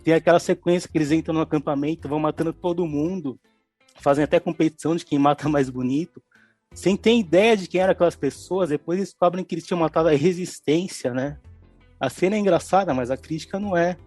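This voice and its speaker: A man's voice: a little high, quick pace, a little mellow, dry recording, faint music behind. A man with a Brazilian Portuguese accent, co-hosting a film review podcast in thoughtful, analytical casual chat. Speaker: podcast co-host.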